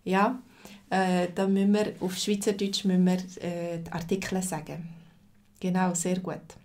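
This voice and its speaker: A woman's voice: fairly low pitch, little pitch movement, unhurried, darkish tone. A Swiss woman of about forty with a Swiss German accent, teaching a live-streamed language lesson and patiently answering viewers' comments by name. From Switzerland.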